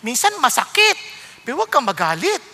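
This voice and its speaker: A Filipino-accented man preaching a sermon as pastor, mixing Tagalog and English, moving from quiet reflection to loud rebuke. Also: very high-pitched, huge pitch swings, a little fast, big-room sound.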